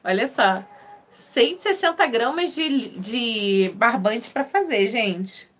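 A woman with a Carioca accent talks casually on a crochet live stream, her voice sitting a little high. She is chatty and friendly, greeting viewers one by one and laughing often. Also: expressive, slow, a bit bright. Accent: Carioca (Rio de Janeiro) Portuguese. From Rio de Janeiro, Brazil.

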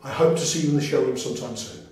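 A man's voice: medium pitch, darkish tone, very echoey, recorded from a distance, poor audio. A middle-aged man from England showing off a finished bathroom, enthusiastically listing what was included, recorded on a 360 camera in a small tiled room. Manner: enthusiastic, lists items quickly, points things out. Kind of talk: casual sales walkthrough.

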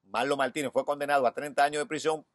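A man's voice: fairly high pitch, steady tone, fast, no echo, clean studio sound. A man in his thirties with a Dominican accent, hosting a news show outdoors, reading headlines and then giving his own opinion. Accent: Dominican Spanish. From Dominican Republic. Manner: reads headlines, then adds personal opinion. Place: outdoors in front of a hedge.

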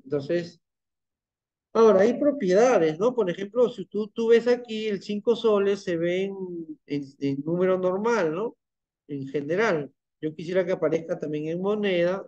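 A man's voice: on the high side, mellow. A man teaching a live online class, patient and often checking in with his students. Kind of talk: live online class, screen-share demo. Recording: muffled lo-fi online class audio.

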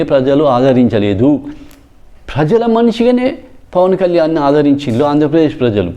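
Man, political commentary, emphatic and repetitive, higher voice, warm dark tone, dull lo-fi sound. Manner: emphatic, repetitive, punchy short phrases. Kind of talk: solo political commentary monologue.

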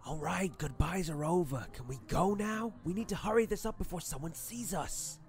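A man voicing an impatient, nervous young male crew member in a hushed, hurried manner in an audiobook. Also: high voice, faint music behind, voice pushed up. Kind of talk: audiobook character voice.

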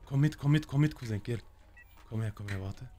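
A man in his thirties role-playing in a video game, urgent and excitable, often repeating his words. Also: medium pitch, fairly quick, faint music behind. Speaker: streamer playing a crime role-play game. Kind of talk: improvised in-game role-play. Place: indoor streaming room. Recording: faint game noise.

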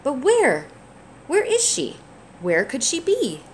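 A woman doing a lost, high baby bird. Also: wildly swooping pitch, slow pace, slight background noise, heavily acted. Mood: worried. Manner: plaintive, pleading calls. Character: lost little baby bird searching for mother.

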